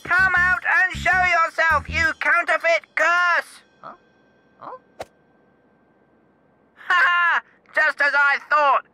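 A woman voicing a brash, defiant cartoon piglet with an excitable, challenging delivery. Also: very high voice, slow, long pauses, soft background music, heavily acted, rough recording. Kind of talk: cartoon voice acting.

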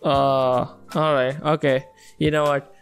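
A man's voice: mid-range voice, level tone, takes it slowly, clean tone, faint music behind. A man bantering casually as a podcast guest, using slang and swearing and mixing Hindi into English. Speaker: podcast guest and quiz contestant.

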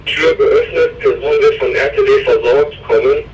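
Man, two-way radio voice, clipped call procedure, lively pitch. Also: moderate pace. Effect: two-way radio transmission. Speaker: firefighter reporting to dispatch. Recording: distant echoey radio with faint noise.

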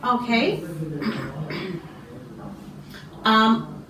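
A middle-aged woman from Canada, an English teacher giving a speaking test, slow and encouraging with many ums and throat clears. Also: on the low side, expressive, background noise. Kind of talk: slow, patient test interview. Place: small classroom office, indoors. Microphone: far camera. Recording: roomy, distant camera sound.

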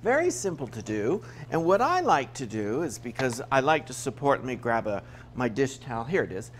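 Lively chatty man cooking on TV. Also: medium pitch, normal speed, a little hiss or hum. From Utah. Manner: chatty, explains each step while cooking. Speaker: TV cooking show host. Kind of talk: cooking demonstration. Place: TV studio kitchen set.

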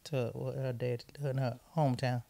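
Gravelly-voiced woman co-host chatting. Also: a bass voice, flat delivery, normal speed, warm tone. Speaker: podcast co-host. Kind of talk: casual podcast banter.

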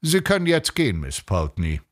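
A man's voice: mid-range voice, wildly swooping pitch, fairly quick, pitched above the performer's own voice. A man playing a self-satisfied, teasing middle-aged husband in a read short story.

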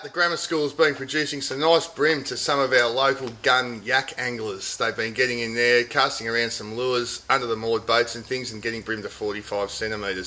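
Here a middle-aged Australian man runs his weekly fishing report in a tackle shop, casually covering catches and product specials with cheerful sales talk. He has a sharp, mid-range voice, recorded by a camera up close.

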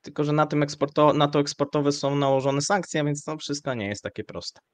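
A man hosting live economic commentary, speaking in a measured, hesitant way with frequent fillers. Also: a little high, fairly even intonation, dry recording. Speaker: show host.

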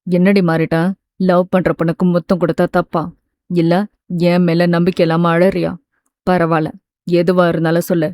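A woman voicing an intense, stern young man in a romance audiobook, speaking low and pressing. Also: flat delivery, normal speed, darkish tone, dry recording, studio quality, close to an everyday voice. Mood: demanding.

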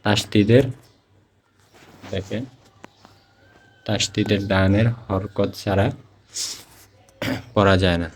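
A man with a Bangladeshi Bengali accent teaching a Quran reading class. His voice sits a little low, and he talks very slowly. He repeats each example word in a drawn-out recitation. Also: steady tone. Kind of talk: slow step-by-step lesson.

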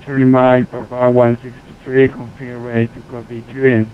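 A man working as an air traffic controller, heard over a pilot's headset radio, giving clearances in clipped, measured phraseology. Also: medium pitch, monotone. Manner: slow, measured, spells out numbers. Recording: tinny radio line, faint hiss.

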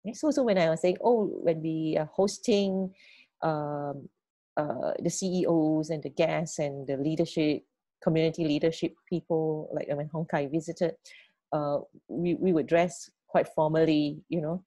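Low-voiced woman leading a video call. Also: measured pace, dark tone, dry recording. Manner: repeats words while thinking, checks in with "right?" and "okay?". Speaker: team leader. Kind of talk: online team meeting briefing.

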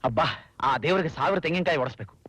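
An actor playing a lawyer who keeps teasing his friend with quick joking retorts. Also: on the high side, expressive, a bit bright, breathy edge. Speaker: government lawyer.

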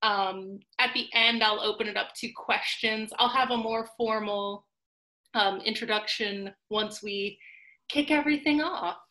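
A woman's voice: mid-range voice, unhurried, bright, forceful tone, reverberant. A woman hosting a live online cooking class on a video call, chatty and upbeat with lots of fillers. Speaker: host.

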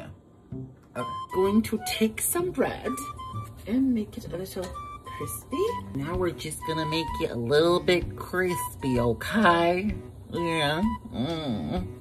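A man's voice: fairly high pitch, expressive, takes it slowly, poor audio. A hungover young man chatting casually through a recipe in a playful, crude, theatrical way, in his home kitchen. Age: young adult. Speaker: home cook presenting a recipe. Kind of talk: casual cooking vlog chat. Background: music and sizzling pan.

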